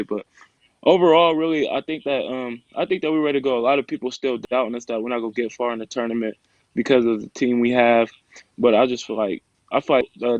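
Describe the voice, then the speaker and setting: A man's voice: medium pitch, no echo. Young male athlete, dull lo-fi sound. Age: young adult. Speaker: basketball player guest. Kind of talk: casual interview answers.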